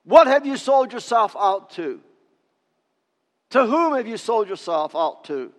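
A male pastor preaching a sermon, emphatic, swinging between loud declarations and hushed appeals, in a church sanctuary. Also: high voice, big pitch swings, measured pace, big-room sound.

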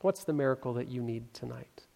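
A man preaching a sermon, reading scripture and telling a story in an earnest, building way with pauses for emphasis. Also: medium pitch, vocal fry, dark tone. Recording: long hall reverb.

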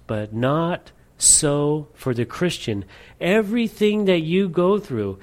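A man preaching a sermon as a pastor, earnest, moving between emphatic lines and hushed asides. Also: medium pitch.

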